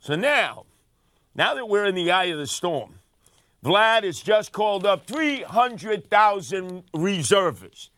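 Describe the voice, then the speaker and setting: A man's voice: high-pitched, animated, slow, a bit bright, dry recording, clean studio sound. An older man, delivering a brash, sarcastic comic talk radio monologue as host.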